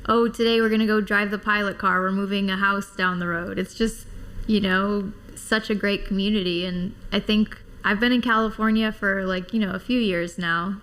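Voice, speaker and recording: A woman's voice: mid-range voice, fairly even intonation, moderate pace, a bit bright. Casual woman in her thirties, from Iowa. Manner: casual, lots of "like" fillers. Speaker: guest, construction company owner. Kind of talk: casual interview chat.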